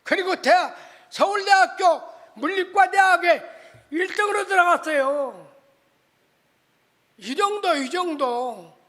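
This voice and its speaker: A male pastor preaching a sermon with impassioned storytelling, rising to shouts and dropping to a hush. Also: very high-pitched, takes it slowly, pauses often. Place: church sanctuary. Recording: reverberant church hall.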